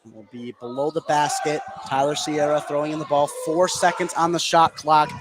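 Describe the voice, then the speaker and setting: This is a live radio broadcast of a basketball game, with heavy gym noise behind it. An American man narrates the action in a running, descriptive call, speaking a little fast in a flat voice on the high side.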